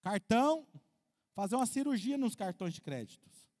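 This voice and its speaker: A Brazilian pastor with a strikingly high voice preaches a lively sermon, firing questions at his congregation and acting out what people say. His words ring out with the long reverb of a large church hall. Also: moderate pace. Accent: Brazilian Portuguese. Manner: lively, asks the congregation questions, acts out quotes. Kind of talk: animated sermon.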